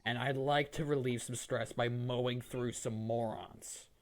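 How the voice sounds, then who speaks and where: A man's voice: mid-range voice, steady tone, unhurried, background noise, natural voice. Cocky brawler prisoner, a guy doing him, blunt and brash.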